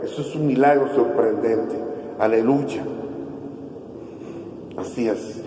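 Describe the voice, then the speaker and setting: A man's voice: medium pitch, slow pace, mellow, a little hiss or hum. A man preaching a sermon as pastor, emphatic and repeating his key phrases. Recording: echoey church hall, heard from far off.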